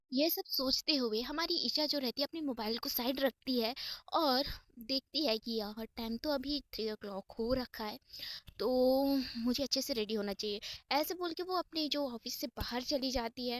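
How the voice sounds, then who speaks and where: High-voiced woman telling a casual story. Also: normal speed, a bit bright, dry recording. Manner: chatty, mixes English into Hindi.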